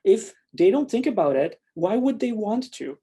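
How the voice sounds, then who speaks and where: A man's voice: sits high, very animated, moderate pace, warm tone, slightly rough. A man from Poland giving a talk and answering audience questions, reflective and wry, with frequent restarts.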